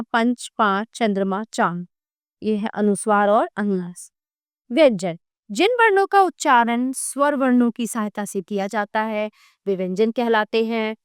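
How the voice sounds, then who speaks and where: A woman's voice: on the high side, smooth, no room sound, clean studio sound. A woman teaching a grammar lesson from an ebook, reading out definitions and listing letters one at a time, with brief asides to her students.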